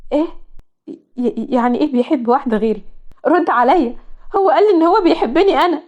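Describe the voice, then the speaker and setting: A woman's voice: high voice, quick pace, a little mellow, highs cut off, pitched above the performer's own voice, close to an everyday voice. A woman with an Egyptian accent voicing a heartbroken, anxious young woman who pleads in distress. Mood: distraught. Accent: Egyptian Arabic.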